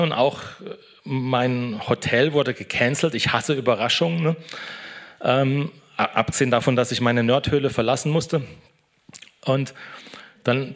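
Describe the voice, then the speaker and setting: Chatty man giving a casual sermon. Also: mid-range voice. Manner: chatty, tags sentences with a questioning "ne". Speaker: pastor. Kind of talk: casual devotional talk.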